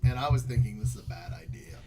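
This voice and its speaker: Teasing, lively-voiced male co-host. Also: on the low side, music in the background. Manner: teasing, halting with repeats. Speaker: guest co-host. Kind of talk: casual chat.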